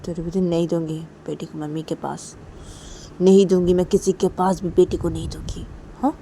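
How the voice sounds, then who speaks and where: A woman's voice: on the low side, flat delivery, moderate pace, slight background noise, lightly acted. A woman voicing an angry young mother who scolds her child harshly. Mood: angry, scolding. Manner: sharp, scolding interrogation.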